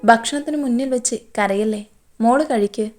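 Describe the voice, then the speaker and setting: A woman's voice: on the high side, moderate pace, a little mellow, faint music behind, lightly acted. A woman voicing a caring young man who comforts his younger cousin in a soothing, coaxing way. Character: gentle protective older cousin, young man.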